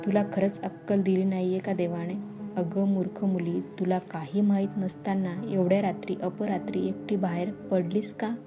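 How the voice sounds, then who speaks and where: A woman voicing an angry young male police inspector who scolds and shouts. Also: mid-range voice, little pitch movement, moderate pace, dull audio, close to an everyday voice. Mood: scolding.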